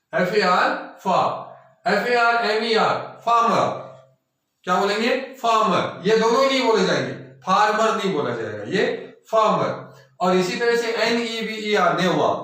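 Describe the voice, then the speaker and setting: A high-pitched man teaching a pronunciation lesson, spelling out each word and asking the listener to repeat it. His voice rings with heavy echo, and he sounds some distance from the mic. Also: a bit bright. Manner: spells words letter by letter, repeats them, quizzes the listener. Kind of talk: classroom-style lesson. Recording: very echoey room, voice far from the mic.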